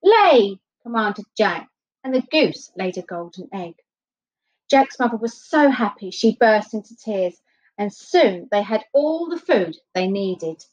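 A woman reading a children's fairy tale aloud, expressive and unhurried. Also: mid-range voice. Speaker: storyteller. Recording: dull lo-fi recording.

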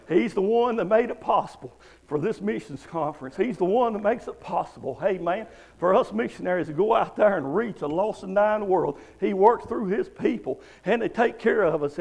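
A man preaching a rapid, fiery revival sermon as a visiting prison preacher, saying "amen" after nearly every phrase. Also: sits high, vocal fry.

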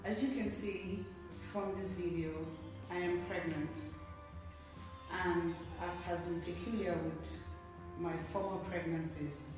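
A woman's voice: lowish voice, steady tone, takes it slowly. A woman introducing herself in a composed, formal video message to the public. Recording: distant echoey clip with music.

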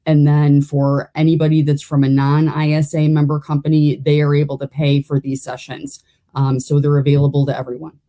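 A woman's voice: low voice, flat delivery, a little fast, warm tone. A woman guest talking casually and upbeat about her organization's sessions. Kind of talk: casual chat.

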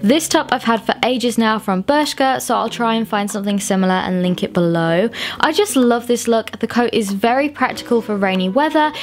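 A woman in her twenties, a fashion vlogger giving friendly, upbeat voice-over tips on outfits. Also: mid-range voice. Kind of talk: scripted lookbook voice-over. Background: faint music.

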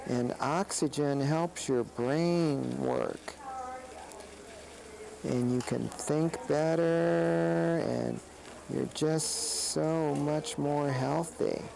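A performer voicing a friendly snake puppet who gently explains a flower show to children on a kids' TV program. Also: medium pitch, lively intonation, very slow, creaky, crowd noise, heavily acted, rough recording. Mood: gentle. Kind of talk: kids' TV field segment.

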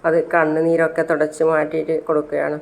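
A woman's voice: low voice, completely flat delivery, fast talker, vocal fry. A woman casually retelling a serial episode, narrating steadily and quoting each character's words in her own voice.

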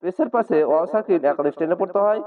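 A man teaching Quran reading, who spells each word out letter by letter and draws the long vowels out slowly. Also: high-pitched, distant mic, narrow, tinny audio. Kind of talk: spelling-out Quran recitation lesson.

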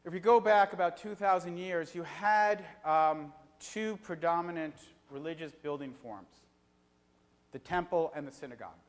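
A middle-aged man giving an evening lecture in a conversational way, pausing often on filler sounds. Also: on the high side. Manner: conversational, frequent filler pauses. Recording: reverberant hall.

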